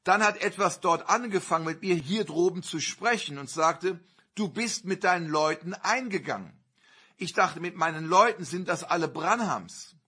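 A man preaching a sermon, telling a personal story earnestly with sudden loud surges. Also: high-pitched, expressive, normal speed, breathy edge.

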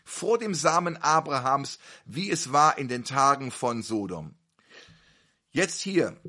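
A man's voice: mid-range voice, lively intonation, takes it slowly, bright, forceful tone. A man preaching at a healing service, fervent and repeatedly asking the congregation whether they believe.

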